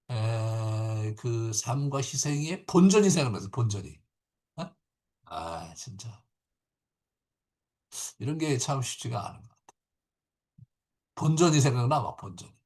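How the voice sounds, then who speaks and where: A man, a pastor, teaching a Bible class over a video call in an animated way, acting out quotes and often checking in with his listeners. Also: medium pitch. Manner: animated, acts out quotes, frequent tag questions. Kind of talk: lively Bible lecture.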